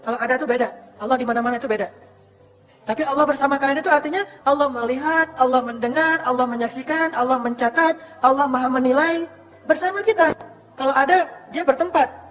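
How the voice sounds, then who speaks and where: A woman retelling an Islamic sermon in a lively storytelling manner. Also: high voice, quick pace. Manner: lively storytelling with acted quotes. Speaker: religious speaker.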